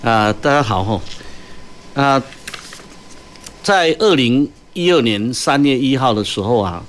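A man with a Taiwanese Mandarin accent speaks as an executive guest in an interview. His pitch is average for a man, and he explains things haltingly, in short phrases ending in particles. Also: lively intonation, slight background noise. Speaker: guest, port company executive.

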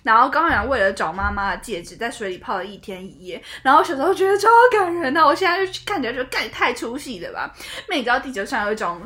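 Animated young woman ranting, bright voice. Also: sits high, quick pace, hardly any pauses. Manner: animated, swears and laughs while ranting. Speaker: co-host. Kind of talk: casual chat reviewing a drama.

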